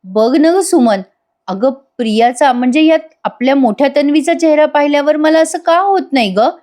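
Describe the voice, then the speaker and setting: A woman's voice: high-pitched, lively intonation, moderate pace, dark tone, voice pushed up. A woman with a Marathi accent voicing an emotional middle-aged mother who longs for her lost daughter, in a TV serial recap. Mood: tender.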